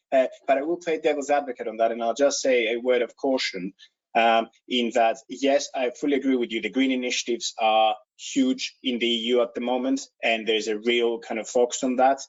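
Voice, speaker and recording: A man from Greece speaking on a panel, measured and cautious, with frequent hesitant restarts. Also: medium pitch, steady tone, highs cut off. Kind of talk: panel discussion. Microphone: video call.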